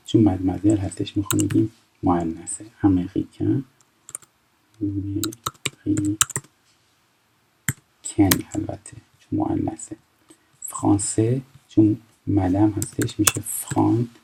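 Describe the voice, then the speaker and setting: Over a noisy background, an Iranian man in his twenties works through a recorded French lesson step by step, slowly reading French phrases and then translating them. He speaks with a fairly low, gravelly voice and fairly even intonation.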